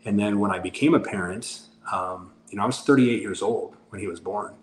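A man's voice: on the low side, brisk. Candid man in his forties, roomy sound. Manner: candid storyteller who acts out dialogue. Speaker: podcast guest. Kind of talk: casual interview talk. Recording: roomy sound with faint background noise.

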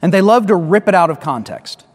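A man with a high-pitched voice delivers a sermon from the pulpit. He is emphatic, repeats and restarts his phrases, and slows right down to stress key words. His voice rings with the long reverb of a large church hall. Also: expressive. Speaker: pastor.

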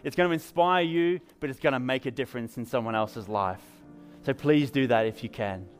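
Over faint background music, an English pastor preaches a church sermon, telling upbeat stories conversationally. His mid-range voice moves at a brisk pace.

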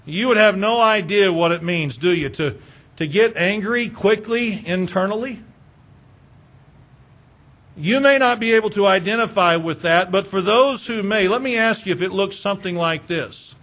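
A male pastor delivers a sermon at a moderate pace in a voice that sits high. He poses rhetorical questions to his listeners and repeats words as he builds each point, shifting between hushed lines and raised ones.

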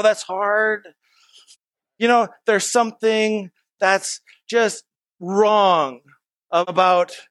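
A male pastor with a high voice gives a conversational sermon to his congregation. He talks in a folksy way, full of stories and casual asides. The sound is dry and close. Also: fairly bright tone, no room sound. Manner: chatty, folksy storytelling with asides.

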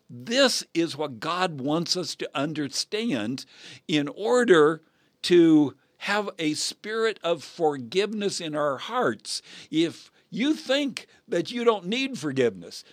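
A man's voice: a little high, dry recording. Earnest preaching man on dry radio. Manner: earnest preaching with frequent laughs. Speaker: pastor and radio co-host. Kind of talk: radio Bible teaching talk.

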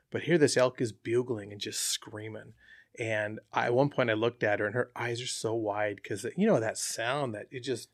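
A man telling a hunting story as an interview guest, relaxed and chatty with frequent fillers. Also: mid-range voice, no echo, clean studio sound. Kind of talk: casual storytelling.

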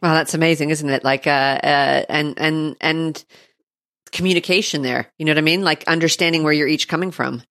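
A woman's voice: deep voice, steady tone, brisk, a bit bright. A woman, co-hosting a podcast and responding in an agreeing, encouraging way. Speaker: podcast co-host. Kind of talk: casual chat.

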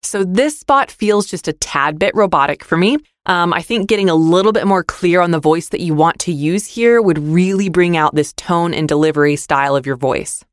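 Podcast host, friendly constructive notes, mid-pitch, dry close mic. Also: moderate pace, few pauses, no room sound. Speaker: podcast host, demo reviewer. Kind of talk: instructional podcast critique.

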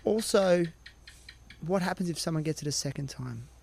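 Chatty higher-voiced podcast host. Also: male voice, animated, moderate pace, creaky, darkish tone, a little hiss or hum. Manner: chatty, thinks aloud in long rambling questions. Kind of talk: casual interview chat.

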